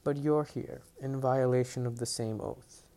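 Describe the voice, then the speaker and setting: A man reading aloud, voicing an old male centaur teacher, grave and regretful, in a quiet, solemn way. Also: mid-range voice, fairly even intonation, unhurried, natural voice.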